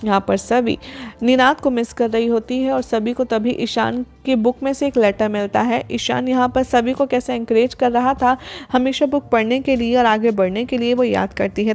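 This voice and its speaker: A woman with a somewhat high voice reads out a scripted recap of a TV serial's latest episode. She keeps a brisk, even storytelling pace and drops English words into her sentences. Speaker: TV serial update narrator.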